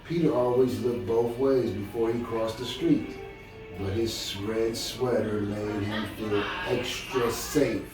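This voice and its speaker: Reading a children's storybook, a man with a fairly low, steady voice goes slowly, chatting in a casual, encouraging way and posing questions to the listener. Music runs in the background, and the distant mic picks up an echoey room.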